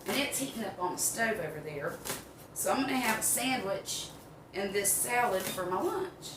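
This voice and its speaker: In a home kitchen, an older woman with a Southern US accent casually chats her way through a cooking demonstration, folksy and wandering in her talk. Her mid-range voice is animated and moves at a normal speed. A distant mic picks her up in a roomy space with background noise.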